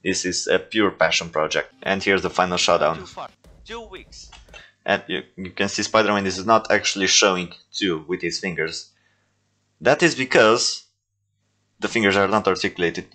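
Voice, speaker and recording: Man, deep voice, toy-film creator reacting to his past work, loose and self-mocking, jokey asides. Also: normal speed, long pauses, bright, forceful tone. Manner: rambling, self-deprecating, joking. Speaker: stop-motion filmmaker reviewing his own movies. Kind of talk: casual reaction commentary.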